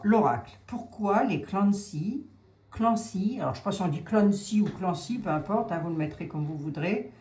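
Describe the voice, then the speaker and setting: A woman speaks slowly in a low, mellow voice, thinking aloud as she reads cards for her viewers. She hesitates, circles back and repeats phrases while she works things out. The sound is echoey, with faint ambient noise in the background. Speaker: psychic card reader. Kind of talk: casual live card reading.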